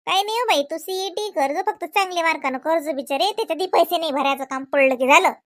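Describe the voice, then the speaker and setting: A woman voicing a nagging, grumbling middle-aged mother in an animated cartoon, with a Varhadi Marathi accent. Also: very high-pitched, fast talker, no echo, clean studio sound. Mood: scolding. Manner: scolding, grumbling.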